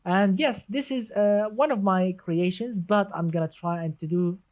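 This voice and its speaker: A man's voice: high-pitched, moderate pace, darkish tone. Chatty enthusiastic man hosting a stream. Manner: chatty, enthusiastic, reads chat aloud, repeats "awesome". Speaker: live-stream host. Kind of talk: casual gaming live stream.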